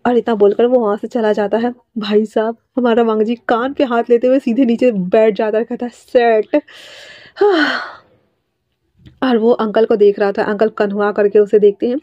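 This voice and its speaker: Woman storyteller, chatty colloquial narration, higher voice, mellow tone, dull lo-fi sound. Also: steady tone, moderate pace, dry recording. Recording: dull lo-fi dry recording.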